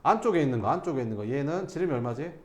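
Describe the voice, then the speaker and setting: A man's voice: mid-range voice, expressive, very fast, reverberant. A male math teacher giving a classroom lesson, casually questioning students and answering himself.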